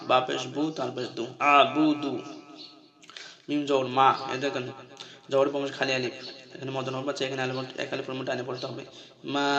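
A man teaching scripture reading, spelling out each syllable slowly and then chanting the verses in a high, drawn-out melody. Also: muffled recording. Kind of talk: spelling-out recitation lesson.

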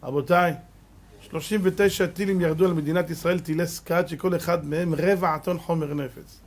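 A middle-aged man, a rabbi giving a Torah lesson to a live audience, animated, full of rhetorical questions, moving between loud exclamations and hushed tones. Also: on the high side. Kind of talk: sermon.

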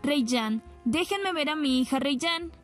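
A woman's voice: high-pitched, animated, slow pace, faint music behind, voice pushed up. Anxious, apologetic mother, read plainly by a woman narrator. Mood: pleading. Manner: pleading, apologetic.

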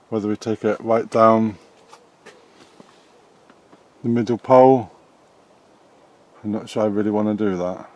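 A middle-aged man with a British accent strolls through his polytunnel and chats about what is growing there. He talks slowly and stays relaxed, in a mellow, darker tone. The camera he films with as he walks picks up his voice. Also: on the low side. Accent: British English. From England. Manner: relaxed, chatty, unhurried. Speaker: allotment gardening vlogger. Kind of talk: casual garden tour narration. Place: inside a polytunnel on an allotment. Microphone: handheld camera filming as he walks.

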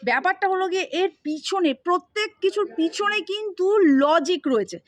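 High-voiced Bengali woman teaching spelling. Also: expressive, brisk. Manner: patient, explaining step by step with frequent check-ins. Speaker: English teacher. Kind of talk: classroom spelling lesson.

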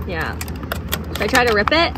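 A young woman, a parent, unboxing toys with a toddler outdoors, talking in an animated, encouraging way with frequent gasps. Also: medium pitch, normal speed. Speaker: parent and channel host. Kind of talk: casual toy unboxing with a toddler. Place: outdoors on a gravel patio by a fence. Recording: outdoor traffic noise.

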